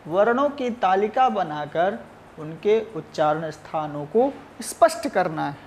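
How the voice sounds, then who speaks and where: A male Sanskrit teacher giving a recorded lesson, measured and explanatory, sounding out each letter. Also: sits high, a little hiss or hum.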